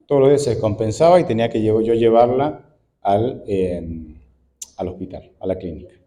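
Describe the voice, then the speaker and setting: A man's voice: fairly low pitch, fairly quick, warm tone. A man in his forties, an Argentine pastor, preaching a conversational sermon full of rhetorical questions. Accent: Argentine Spanish.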